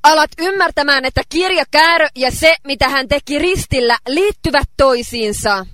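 A woman with a very high, bright voice interpreting a sermon line by line. She is recorded dry and close, and relays each phrase steadily. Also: dry recording.

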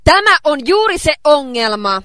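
Female church interpreter, high and bright, dry close sound, steady phrase-by-phrase delivery. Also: no echo. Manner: steady, faithful relaying of each phrase. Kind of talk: sermon interpretation.

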